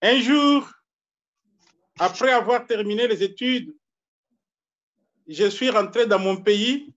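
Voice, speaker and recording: A man from Congo, a pastor preaching a sermon slowly and deliberately, repeating his key phrases. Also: high voice, fairly bright tone, highs cut off.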